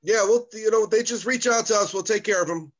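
Man on a video call, high voice, lo-fi muffled sound, easygoing chat. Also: fairly quick. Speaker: sports betting guest. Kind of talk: casual chat.

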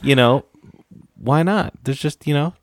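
A man's voice: a little high, measured pace, no echo. A man playing a tabletop game in casual chat, full of playful jokes and asides.

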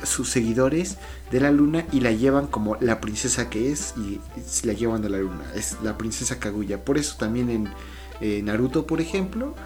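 A man's voice: mid-range voice, normal speed, a little mellow, soft background music. Man explaining folklore on a podcast. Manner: explanatory, with hesitant restarts. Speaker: podcast co-host. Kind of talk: casual podcast chat.

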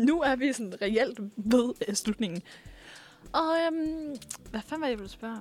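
A woman's voice: a little high, expressive, darkish tone. A young woman hosting a casual radio show, bantering and giggling with her co-host, swearing now and then. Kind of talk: casual chat.

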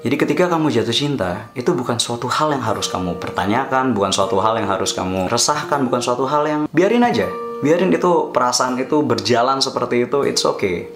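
A man's voice: medium pitch, animated, a little fast. A man talking casually to his vlog viewers in a chatty, reassuring way, switching between Indonesian and English. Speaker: vlogger. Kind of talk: casual talk to camera. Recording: echoey room with soft guitar music.

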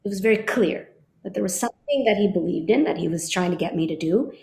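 A woman's voice: medium pitch, quick pace, gravelly. Reflective woman telling a story in an echoey room. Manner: reflective, animated, quotes her teacher in lively voices. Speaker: guest, Kathak dancer and teacher. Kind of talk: storytelling interview.

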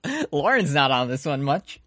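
A woman's voice: low-pitched, very animated, moderate pace, a bit bright, no room sound, clean studio sound. A woman co-hosting a podcast in casual comedic banter, joking and riffing. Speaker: podcast co-host.

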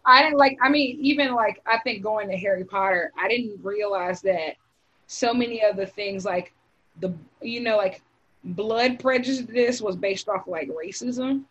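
A woman's voice: mid-range voice, measured pace, a bit bright, husky, muffled recording. A young woman from the United States in casual group chat on a podcast, talking in long runs with many fillers and restarts.

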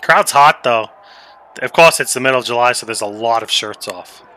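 A man's voice: mid-range voice, normal speed, bright, forceful tone, low-quality recording. A man co-hosting a podcast, chiming in with short laid-back remarks while watching wrestling. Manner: laid-back, brief replies. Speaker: podcast co-host. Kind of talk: casual watch-along commentary.

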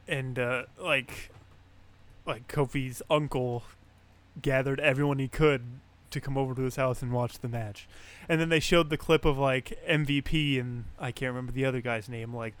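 A man's voice: mid-range voice, normal speed, clean tone. A man co-hosting a podcast, casually retelling a story with lots of fillers and frequent laughs. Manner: relaxed, filler-heavy retelling, laughs often. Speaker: podcast co-host. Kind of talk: casual chat.

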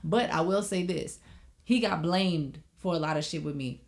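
Young woman, casual podcast chat, animated storyteller, keeps saying "you know what I'm saying". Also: lowish voice, normal speed. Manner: animated storytelling, acts out relatives' voices. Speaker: podcast co-host.

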